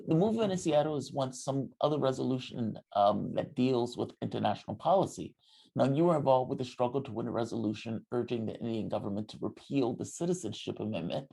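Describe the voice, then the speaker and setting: Guy hosting a livestream, lots of ums, husky gravelly voice. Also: medium pitch, warm tone. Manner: hesitant, many ums and apologies. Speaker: livestream host.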